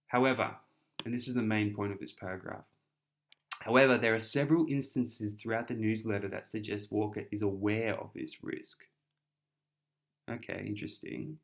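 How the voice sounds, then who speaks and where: Here a fairly low-pitched young man with an Australian accent talks someone through an essay. The tone is relaxed and conversational, like tutoring, with frequent repeated words and restarts.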